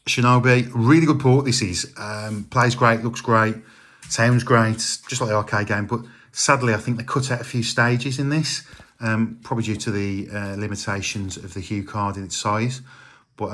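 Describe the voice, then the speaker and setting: Middle-aged man, slightly low register, casual rambling vlog delivery, plenty of filler words. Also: normal speed. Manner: relaxed, rambling, many ums and uhs. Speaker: retro game collector.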